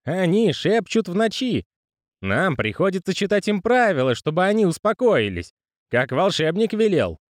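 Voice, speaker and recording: A man doing a shrill, excitable old postman. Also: moderate pace, dry recording, clean studio sound. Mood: agitated. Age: older. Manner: shrill, agitated and pleading.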